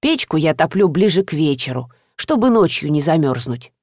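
A woman voicing a kind, frail elderly village schoolteacher, speaking slowly and softly in a low voice. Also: big pitch swings, slightly rough, no echo, studio quality, full character voice. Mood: gentle.

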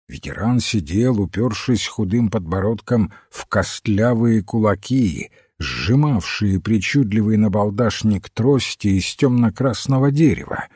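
Slow, husky male audiobook narrator. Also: on the low side, mellow, no echo, studio quality. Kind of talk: scripted narration.

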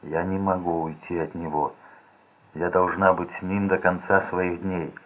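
A man's voice: sits low, flat delivery, moderate pace. A man voicing a frightened, dazed young heiress, pleading and fearful, in a tinny lo-fi recording. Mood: desperate. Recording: tinny phone-like lo-fi sound.

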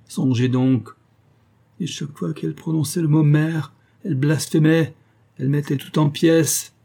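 A man's voice: mid-range voice, warm tone, slightly rough. A man reading an audiobook, voicing a frantic old woman innkeeper who pleads between sobs. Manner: pleading, sobbing outbursts.

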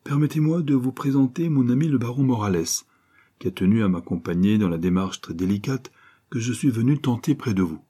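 A man's voice: mid-range voice, lively intonation, brisk, mellow, breathy edge, voice pushed up. A man voicing a scheming adventuress who talks in an insistent, theatrical, accusing way. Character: scheming adventuress, sharp and menacing woman.

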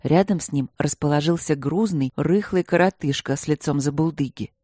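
An audiobook narrator reading a novel in even, steady storytelling. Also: mid-range voice, normal speed, no echo, clean studio sound. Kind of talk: scripted narration.

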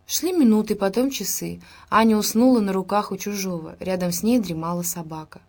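A woman reading a novel aloud as an audiobook narrator, in measured, steady storytelling. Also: mid-range voice. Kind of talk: scripted narration.

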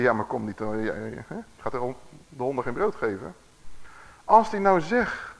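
A man preaching a sermon, reading Bible verses slowly and putting questions to his listeners. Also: medium pitch, a bit bright.

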